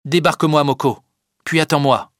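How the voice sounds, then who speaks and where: A man's voice: fairly high pitch, steady tone, moderate pace, a bit bright, no echo, natural voice. A man doing a brave teen boy leading the group, urgent and firm, raised voice in a dry close read. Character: brave teenage boy leader, resolute.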